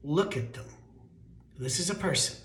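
American male pastor, thin weak voice a bit high, conversational storytelling sermon, roomy echo. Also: animated, normal speed, fairly bright tone. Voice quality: thin, weakened voice. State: voice weak from allergies. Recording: roomy, echoing sound.

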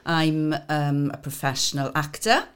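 A woman's voice: low voice, unhurried, smooth. A middle-aged woman with a Swansea accent, talking conversationally as a guest in an interview. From Swansea, Wales. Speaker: podcast guest, actor and drama tutor.

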